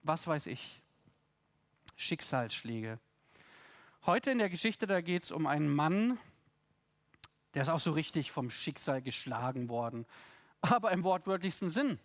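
A man preaching a sermon in a lively, conversational way, with asides and tag questions to his congregation. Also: a little high, normal speed. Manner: reads scripture aloud with the congregation.

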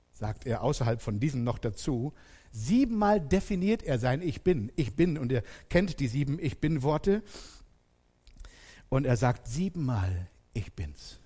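A man preaching a sermon. He talks straight to his congregation and uses dramatic pauses, dropping soft and then building loud. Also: mid-range voice, husky, big-room sound.

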